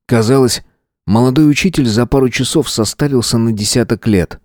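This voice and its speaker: A man giving steady, measured dramatic audiobook narration. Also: mid-range voice, no room sound, clean studio sound.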